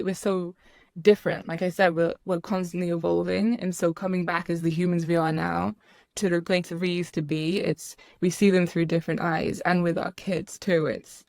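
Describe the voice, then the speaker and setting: A woman's voice: on the low side, a little mellow, no echo, clean studio sound. A middle-aged woman from the UK islands, a guest talking reflectively in a casual podcast chat, with many ums and restarts. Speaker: guest, clinical social worker.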